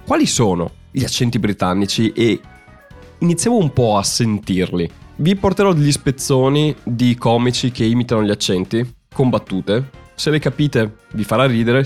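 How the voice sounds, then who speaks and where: A young man from Italy hosting a podcast, explaining in a chatty way and laughing at himself now and then. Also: mid-range voice. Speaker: podcast host. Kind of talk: casual podcast monologue.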